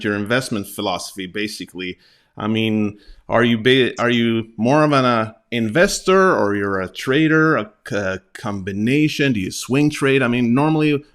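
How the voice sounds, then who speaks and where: A man with an average-pitched voice hosts a relaxed interview chat. He feels his way through questions haltingly, rephrasing as he goes. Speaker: interviewer, host.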